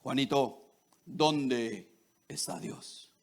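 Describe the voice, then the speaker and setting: A man voicing a solemn pastor who speaks in a slow, deep, drawn-out preacher's voice. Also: slightly rough, exaggerated voice.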